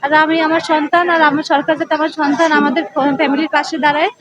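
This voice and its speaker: A young Bangladeshi woman giving bereaved testimony as a halting, repetitive plea. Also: sits high, level tone, over a noisy crowd. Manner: halting, repeating words. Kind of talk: emotional plea to camera. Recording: dull lo-fi audio, music behind.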